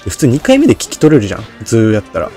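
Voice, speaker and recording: A man's voice: on the low side, huge pitch swings, racing, mellow, soft background music. A man giving rambling, self-deprecating commentary on a game, his diction slurred and hard to catch. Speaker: game streamer. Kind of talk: casual Let's Play commentary.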